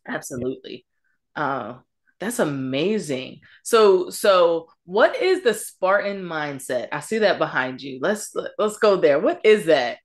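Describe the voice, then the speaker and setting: A woman's voice: lowish voice, sing-song, measured pace. Enthusiastic woman podcast host. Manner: warmly affirming, enthusiastic interviewer. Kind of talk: podcast interview over video call.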